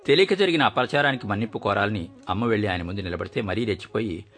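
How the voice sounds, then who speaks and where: A man reading a short story aloud as narrator, telling it in a measured, expressive way. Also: fairly low pitch, husky, faint music behind.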